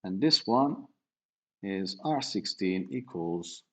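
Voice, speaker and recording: A man in middle age delivers a university lecture at an unhurried pace, his pitch rising and falling in a lively way. He explains each step carefully, with pauses, fillers and quick self-corrections.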